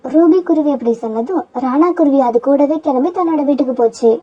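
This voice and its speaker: A woman narrating a children's cartoon story in a steady, plain storytelling manner. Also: high-pitched, fairly quick. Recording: dull lo-fi sound.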